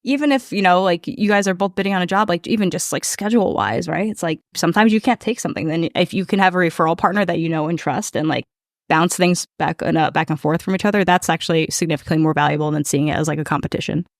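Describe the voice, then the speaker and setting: A woman from New Jersey hosts a casual podcast chat, talking quickly and brightly and laughing easily between questions. Her voice sits close and dry on the mic, with no room sound around it. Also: fairly low pitch, dry recording. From Newark, New Jersey. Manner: upbeat, chatty, laughs often. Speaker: podcast host.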